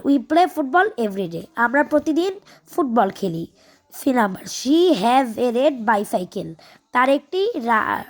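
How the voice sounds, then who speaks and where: In a video lesson, a high-voiced woman reads English lines at a slow pace and explains with care, pausing and hesitating frequently.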